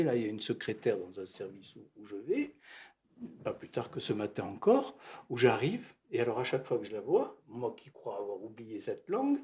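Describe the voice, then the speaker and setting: A man's voice: mid-range voice, darkish tone. Older guy reminiscing at a book talk, voice swings up and down a lot, keeps repeating words as he thinks. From Algeria. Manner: halting, reflective storyteller who often repeats words. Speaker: psychoanalyst, guest speaker. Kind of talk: reminiscing talk at a bookshop event.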